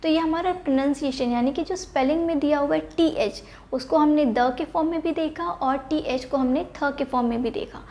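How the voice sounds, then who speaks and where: Talking a little fast in a high voice with a darkish tone, a woman gives a lesson on English spelling and pronunciation. She works through it in stages, posing questions she then answers herself, and blends English words into her Hindi.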